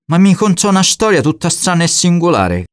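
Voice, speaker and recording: A coarse bandit boss growls in a thick southern Italian dialect, louder and higher than the reader's own low voice, as a man puts him on for an audiobook. He is blunt and vengeful, and he spits his words out without any polish. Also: sing-song, brisk, smooth. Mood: menacing. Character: rough male bandit chief, coarse and vengeful.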